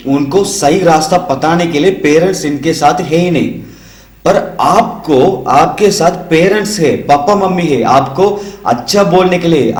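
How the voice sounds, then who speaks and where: A man giving a children's sermon at a Bible school, acting out parents and children in a higher voice. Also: a little mellow. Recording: echoey room.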